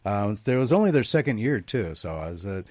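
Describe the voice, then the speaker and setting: Joking lower-voiced man host. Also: sing-song, a little mellow, no echo. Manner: jokey, laughs often, halting. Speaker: podcast host. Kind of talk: casual interview chat.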